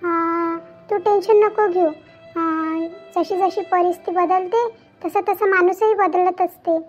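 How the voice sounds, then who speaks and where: A woman voicing an aging widowed mother in a cartoon, gentle and comforting. She talks in a soothing, motherly way. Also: extremely high pitch, fairly even intonation, measured pace. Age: older. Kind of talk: Marathi cartoon voice acting. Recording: dull lo-fi with faint background music.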